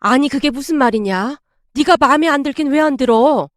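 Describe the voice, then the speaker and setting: A woman's voice: sits high, a little fast, no room sound, studio quality, close to an everyday voice. A woman voicing an elderly widowed grandmother who speaks with indignant, old-fashioned phrasing. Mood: defensive.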